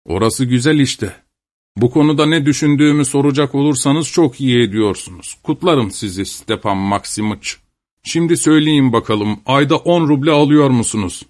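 A man's voice: medium pitch, moderate pace, darkish tone, voice pushed up, lightly acted. A man reading aloud who plays a jovial, over-friendly drunk villager in a tavern. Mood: mock-polite.

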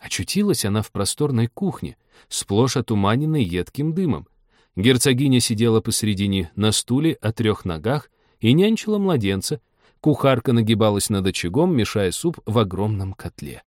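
A man reading a storybook aloud in steady scripted narration. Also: fairly low pitch, moderate pace, no room sound, studio quality. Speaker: audiobook narrator.

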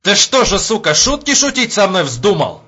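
A man's voice: mid-range voice, normal speed, sharp tone, breathy edge, lo-fi sound. A man voicing a furious, foul-mouthed army major who barks orders in an audiobook. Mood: angry. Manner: barking, commanding.

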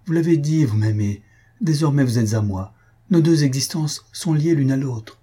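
A man's voice: medium pitch, lively intonation, moderate pace, mellow, slightly rough, voice pushed up. A man reading an audiobook, voicing a passionate, desperate young count with an impassioned, pleading delivery.

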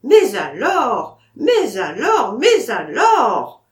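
A woman voicing an exasperated, blustering male gamekeeper with loud, drawn-out exclamations. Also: a little high, wildly swooping pitch, reverberant, full character voice.

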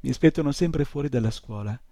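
A man reading aloud and voicing a timid, softly spoken young boy in an audiobook. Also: mid-range voice, fast talker, no echo, voice pushed up, close to an everyday voice. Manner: quiet, hesitant.

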